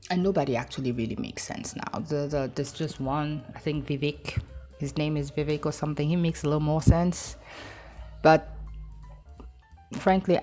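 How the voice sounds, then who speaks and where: Low-voiced chatty woman from Africa. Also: darkish tone. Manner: chatty, rambling and frank. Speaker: reaction video host. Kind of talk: casual chat.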